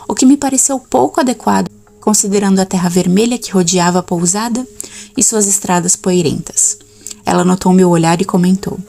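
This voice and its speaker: Gravelly woman narrating an audiobook. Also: mid-range voice. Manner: steady first-person storytelling.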